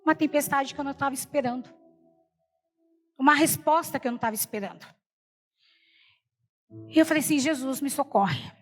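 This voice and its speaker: A woman preacher with a high voice gives an emotional personal testimony in Brazilian Portuguese during a sermon, talking fairly quickly with frequent pauses. She tells her story with many repeated quotes, saying "falei assim" again and again, in a big-sounding room with faint music behind her.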